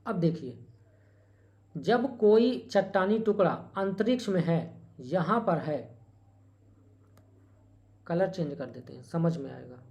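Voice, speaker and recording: A teacher giving an exam-prep lecture who repeats key terms, asks rhetorical questions and corrects small slips with a quick apology. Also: medium pitch, expressive, vocal fry, darkish tone.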